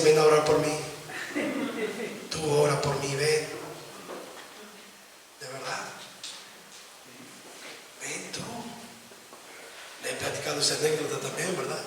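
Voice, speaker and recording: A man's voice: on the high side, sharp tone. A man preaching a sermon emphatically in a church, with rhetorical questions and frequent calls of amen. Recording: echoey hall, distant mic, faint noise.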